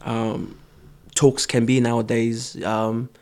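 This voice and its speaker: A young dancer and choreographer, born in Samoa and raised in New Zealand, answers interview questions as a guest. He's earnest, with many ums and restarts, speaking slowly and smoothly in a mid-range voice with a level tone.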